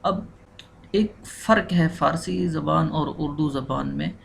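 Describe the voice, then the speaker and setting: Urdu-speaking guy teaching slow, gravelly voice, bit of faint hiss behind. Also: fairly high pitch. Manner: patient, repeats and spells out words. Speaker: language teacher. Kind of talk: slow explanatory lesson.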